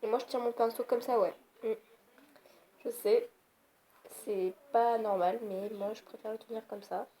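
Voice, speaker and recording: Young female beauty vlogger, casual and easily irritated, light raised pitch. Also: fairly even intonation, normal speed, warm tone. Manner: chatty, rambling, easily annoyed. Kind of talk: casual makeup tutorial. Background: faint noise of passing cars.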